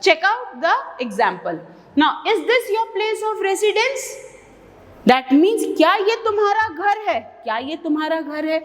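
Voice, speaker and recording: An Indian English woman teaches a bilingual vocabulary lesson in a high, bouncing voice. She stresses each word slowly and carefully, then hurries through quick asides. A long reverb trails her voice, as in a large room. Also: sing-song.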